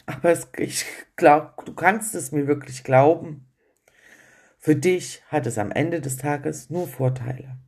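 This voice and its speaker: A woman's voice: low-pitched, a little slow, vocal fry, a little mellow, husky. A woman coach in a candid, chatty personal monologue, reflecting with a self-ironic manner.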